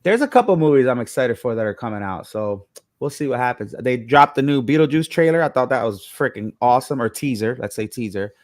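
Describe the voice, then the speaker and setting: A man's voice: medium pitch, expressive, a little fast, no room sound, studio quality. A man hosting a casual live-stream chat, upbeat, greeting guests and reading comments over a video call. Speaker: host.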